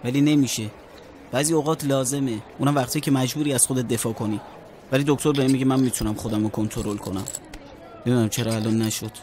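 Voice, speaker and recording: A man's voice: mid-range voice, steady tone, a little mellow, close to an everyday voice. A man doing a tense young man in his twenties who keeps a tight lid on his temper, speaking in a mid-range voice. Faint background noise runs under the film narration. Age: 20s. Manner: tense and clipped, grows agitated. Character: young man fighting to hold his anger in. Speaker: narrator and lead character.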